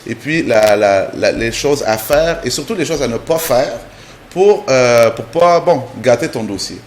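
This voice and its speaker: A man's voice: mid-range voice, lively intonation, a little slow. Man, TV guest, explains step by step with restarts, faint background noise. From Canada. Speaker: guest, immigration trainer. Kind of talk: TV interview answers.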